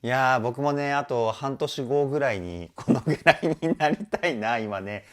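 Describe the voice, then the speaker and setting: A man's voice: medium pitch, moderate pace. A man working as a vocal trainer, reacting to a music video and breaking down the singing in an enthusiastic, chatty way. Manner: enthusiastic, chatty, often adds ね; sings short snippets to demonstrate.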